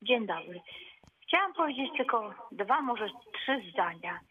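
Fired-up woman caller on a phone line into a radio show, high voice, slow and emphatic, keeps asking questions. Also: big pitch swings, husky. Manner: indignant, emphatic, rhetorical questions. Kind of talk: heated call-in opinion.

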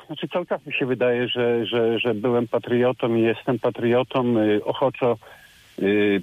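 A man's voice: medium pitch, dry recording. A man calling in to a radio phone-in show, heard over a phone line, talking hesitantly with many filler sounds and an indignant edge. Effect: caller heard over a phone line on radio. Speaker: radio call-in caller. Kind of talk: heated phone-in opinion.

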